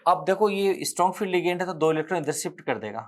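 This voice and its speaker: A man's voice: high voice, animated, very fast. A man with a Rajasthani accent teaching an exam-prep chemistry lecture, explaining step by step, counting aloud and correcting himself as he writes on the board.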